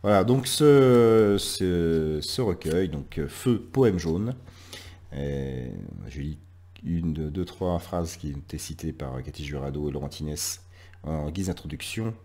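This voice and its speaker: A man's voice: very deep voice, expressive, slow pace, mellow. A man hosting a poetry show, talking with hesitations and restarts, then reading poems aloud and building emphasis through repeated lines, often trailing off to near a whisper. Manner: hesitant, many "euh" fillers and restarts in talk; drops to near whisper at phrase ends. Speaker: poetry show host and reader. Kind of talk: casual spoken intro, then poetry reading.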